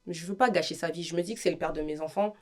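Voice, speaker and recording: A woman with a French accent speaks rapid-fire in a fairly low voice, giving an emotional testimony as a guest. She tells the story in an animated way, acting out the lines of the people in it.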